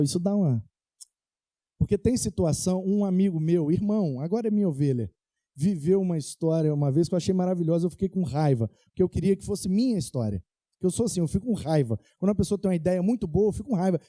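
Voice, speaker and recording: A man's voice: high-pitched, quick pace, dry recording. A young Brazilian man preaching as a pastor, telling playful anecdotes and acting out the dialogue. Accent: Brazilian Portuguese. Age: young adult. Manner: animated anecdotes, playful, acts out quoted dialogue. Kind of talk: storytelling sermon.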